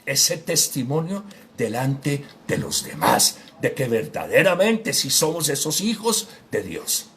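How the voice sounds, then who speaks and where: A man's voice: mid-range voice, very animated, takes it slowly, fairly bright tone. A man giving an informal Bible teaching, speaking directly to his listeners with frequent tag questions and hesitant fillers. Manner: addresses listener directly and formally.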